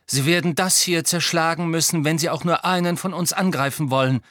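A man's voice: fairly high pitch, steady tone, fairly quick, fairly bright tone, no room sound, studio quality, voice pushed up, natural voice. A man reading a bold teenage boy wizard in a raised, defiant voice.

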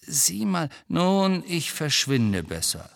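A man reading an audiobook, voicing a restless grown man in hiding who reassures briskly with a bitter edge. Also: a little high, very animated, creaky, long reverb tail, pitched above the performer's own voice, exaggerated voice. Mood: tense, bitter.

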